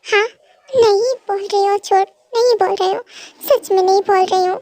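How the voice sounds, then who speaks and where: A woman's voice: very high-pitched, fairly even intonation, moderate pace, dark tone, no room sound. A woman voicing a frightened young wife in an amateur fan dub, pleading tearfully and stammering. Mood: tearful protest.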